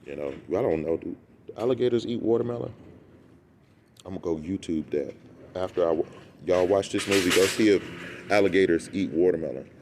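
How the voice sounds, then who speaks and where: A man's voice: low-pitched, brisk, pauses often, a little hiss or hum. A man on a rambling, comedic rant, telling stories in a loose, tangential way, repeating himself and acting out what people say. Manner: animated storytelling that acts out quoted remarks.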